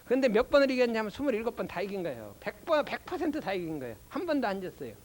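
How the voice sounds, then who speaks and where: An older man, a Won Buddhist minister, giving a doctrine lecture with animated storytelling and rhetorical questions. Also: high-pitched. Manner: slow chanting recitation of prayer.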